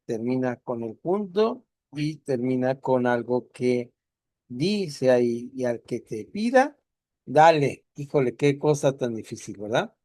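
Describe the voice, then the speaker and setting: A man's voice: mid-range voice, big pitch swings, slow, dark tone, no room sound. Chatty man teaching a class. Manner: conversational, asks the class rhetorical questions.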